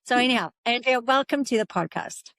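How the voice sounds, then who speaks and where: A woman's voice: on the high side, lively intonation, brisk, a bit bright, dry recording, clean studio sound. A woman hosting a podcast, chatting casually with a guest, laughing often and using lots of fillers. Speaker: podcast host. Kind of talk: casual interview chat.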